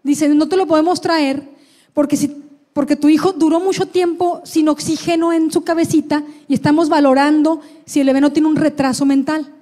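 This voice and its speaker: Woman with a really high voice telling her church testimony, fervent, keeps saying brother, prays out loud. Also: level tone, moderate pace. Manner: fervent, prays aloud, addresses listener as "hermano". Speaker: guest giving testimony. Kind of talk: emotional personal testimony.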